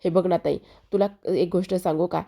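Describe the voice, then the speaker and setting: A woman's voice: on the low side, fairly even intonation, fairly quick, gravelly, dark tone. A woman reading a young wife pleading with her sister. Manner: pleading, emotional.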